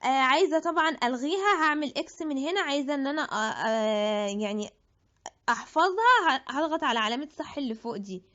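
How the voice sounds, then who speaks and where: Speaking quickly in a high, animated and slightly bright voice, an Egyptian Arabic-accented woman walks through an app in a screen-recorded tutorial. She's chatty, thinks aloud and restarts words; the audio is dull and lo-fi.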